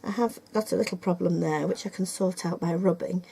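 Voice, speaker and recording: This older woman's voice is on the low side and dark, with vocal fry, fairly even intonation, and a slightly fast pace, over slight background noise. She teaches felt-making in a casual video tutorial from upstairs in her home, chatting hesitantly with many ums and self-corrections.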